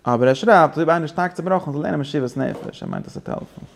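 Teaching students in a relaxed religious class, this man speaks with a fairly high, expressive voice touched by vocal fry. He stumbles often, restarting and repeating words while slipping English phrases into his speech.

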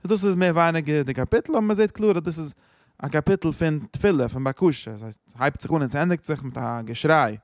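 A man's voice: a little high, a little fast, dry recording, studio quality. A man explaining a psalm chapter, quoting verses and translating them with many restarts. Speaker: Torah teacher.

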